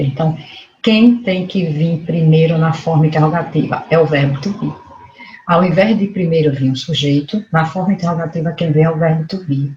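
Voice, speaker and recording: Slow, patient Brazilian teacher in echoey room. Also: mid-range voice, a little mellow. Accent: Brazilian Portuguese. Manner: patient, repeats points, corrects themself. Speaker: English teacher. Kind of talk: remote classroom lesson. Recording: echoey room, dull lo-fi sound, faint noise.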